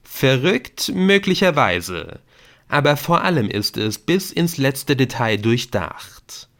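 A man's voice: medium pitch, big pitch swings, slow, a bit bright, voice pushed up, heavily acted. A man putting on a theatrical, teasing riddle-lover. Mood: theatrical, explaining. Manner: theatrical, teasing, mock-dramatic. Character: playful theatrical adult man fond of riddles. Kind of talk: audiobook character voice.

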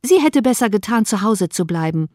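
A woman's voice: medium pitch, big pitch swings, a little fast, a little mellow, no room sound, clean studio sound, close to an everyday voice. A woman voicing a spirited, frank young woman who speaks with indignant emphasis in an audiobook reading.

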